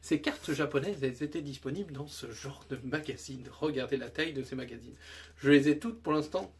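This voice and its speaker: A card collector YouTuber chats casually to camera in a brisk, medium-pitched male voice, with a little hiss or hum on the recording. He is enthusiastic and rambling, full of fillers and restarts.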